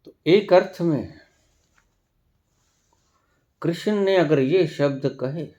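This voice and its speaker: A man giving a spiritual discourse as a teacher, deliberate and full of rhetorical questions. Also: fairly high pitch, dark tone, highs cut off.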